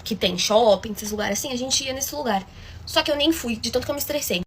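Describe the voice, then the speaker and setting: A woman's voice: a little high, quick pace, a bit bright, a little hiss or hum. A woman telling a story in a chatty, dramatic way, often calling out to her listeners. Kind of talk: casual storytime.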